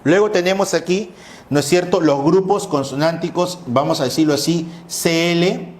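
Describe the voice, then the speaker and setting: A male teacher lectures a class on the history of language, explaining patiently and often checking in with "¿no es cierto?" His voice is a little high, at a normal speed, in an echoey room.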